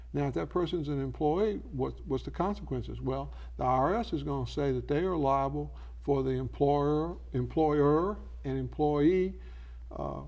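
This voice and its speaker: A man's voice: a little high, vocal fry, a little mellow, lo-fi sound. A man speaking as an advising expert in an infomercial interview, explaining didactically by posing questions and answering them himself. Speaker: elder law expert giving advice.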